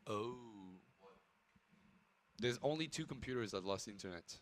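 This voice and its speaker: A man's voice: mid-range voice, animated, measured pace. A man casting a live esports stream in a casual, playful chat with his co-caster, sometimes slipping in French words.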